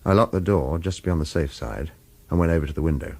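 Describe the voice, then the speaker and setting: Against a noisy background, a man with a low, fast, creaky voice acts as the first-person narrator of a noir radio drama. His character is a wary hitman, brooding and watchful, evasive yet protective of his lover as he hesitantly reassures.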